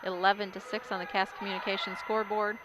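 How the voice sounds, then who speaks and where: A woman giving casual play-by-play commentary on a volleyball game, getting louder on big plays. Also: mid-range voice, little pitch movement, fast talker. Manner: chatty, casual, rises loudly on big plays. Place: school gym during a game. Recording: loud crowd and gym noise.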